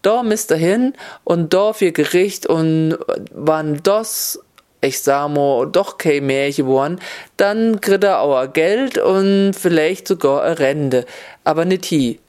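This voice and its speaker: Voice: mid-range voice, slow pace, a little mellow, close to an everyday voice. Stern judge, read by a narrator. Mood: gruff, dismissive. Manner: curt, dismissive. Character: stern grumpy old male judge.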